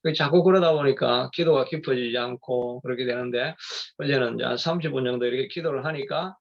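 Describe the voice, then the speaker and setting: Middle-aged male pastor, gravelly, talks off the cuff with fillers and restarts; muffled lo-fi sound. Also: medium pitch, fairly quick. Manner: rambling, conversational, many fillers and restarts. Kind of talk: sermon.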